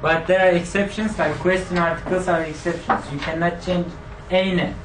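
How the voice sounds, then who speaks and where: A man's voice: high voice, steady tone, normal speed, far from the mic, background noise. A man teaching a classroom grammar lesson, quizzing students and repeating their answers back to them. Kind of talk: classroom lecture with student drills. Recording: echoey room picked up from afar.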